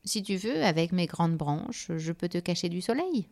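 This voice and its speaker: A woman voicing a big, kindly male oak tree in a children's storybook, slow and helpful. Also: fairly low pitch, sing-song, darkish tone.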